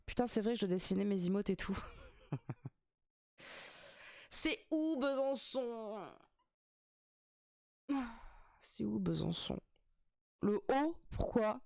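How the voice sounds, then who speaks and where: A woman's voice: a little high, takes it slowly, pauses often, darkish tone, smooth, no room sound, studio quality. A woman streaming live, reacting to a game show in casual chat, joking with her viewers and swearing often. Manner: chatty, swears, laughs often, jokes with chat.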